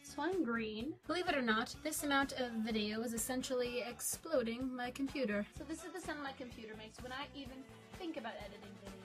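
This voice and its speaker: A young woman narrating a casual vlog about directing her school show, quick and self-mocking in manner. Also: on the high side, over music.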